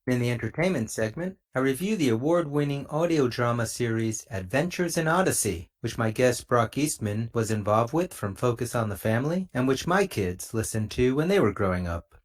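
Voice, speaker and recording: A middle-aged man acts as podcast host and interviewer, delivering his words in an articulate, measured way. His voice is mid-range with lively intonation.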